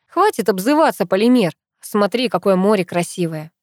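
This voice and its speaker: A woman reading an audiobook who voices a playful young man teasing his best friend, in a lightly lowered, easygoing tone. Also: animated, normal speed, no echo, studio quality, close to an everyday voice.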